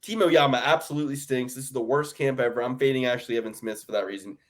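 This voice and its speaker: A man's voice: mid-range voice, quick pace. A man riffing on a casual sports picks podcast. He rants with energy and drops into mocking impressions of the other hosts. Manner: animated ranting with mocking put-on quotes. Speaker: podcast co-host. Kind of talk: casual sports-betting chat.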